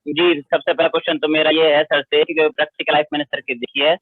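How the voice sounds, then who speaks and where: A man's voice: on the high side, level tone, fast talker, dry recording. A man calling in with questions, deferential and hesitant, full of fillers. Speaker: caller asking questions. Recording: tinny dry phone line.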